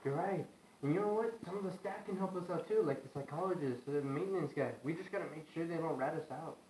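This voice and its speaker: A woman voicing a restless young detainee who speaks quickly and casually. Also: low voice, mellow, voice pushed down, lightly acted. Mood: eager. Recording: echoey room, faint noise.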